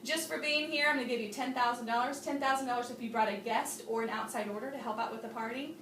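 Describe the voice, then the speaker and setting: A woman's voice: a little high, steady tone, fast, a bit bright, a little hiss or hum. A woman giving a bubbly, chatty Tupperware party training demonstration to a small group, laughing often. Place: room with guests at a party demo. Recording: roomy sound from a distant mic.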